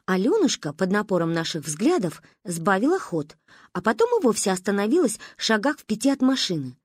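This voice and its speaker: A woman narrates a children's story with an expressive, animated delivery. Her voice is a little husky and sits in the middle of the female range. The recording is close and dry, with no room sound. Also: medium pitch, fairly quick, no room sound. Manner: lively, expressive reading. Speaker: audiobook reader.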